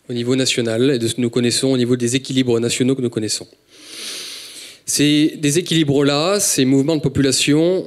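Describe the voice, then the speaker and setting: A young man with a French accent giving a steady, declamatory prepared talk on a panel. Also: medium pitch. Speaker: panel speaker.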